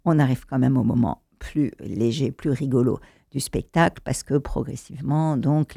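A woman's voice: sits low, vocal fry, dark tone, husky, no room sound, clean studio sound. A woman introducing songs as a presenter, talking hesitantly with many fillers and restarts. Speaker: presenter of a show.

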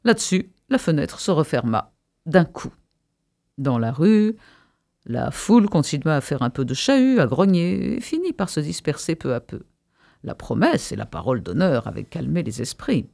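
A man presenting and reading aloud an excerpt of a novel, expressive with a few hesitations. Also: on the high side, moderate pace, gravelly, no echo, clean studio sound. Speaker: radio presenter and reader.

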